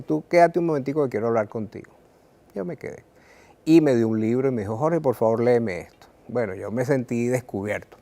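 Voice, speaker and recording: A Venezuelan man, a writer, speaking earnestly and reflectively to the viewer about his life, with frequent "eh" pauses and repeated words. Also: mid-range voice, mellow. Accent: Venezuelan Spanish. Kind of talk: reflective personal talk to camera.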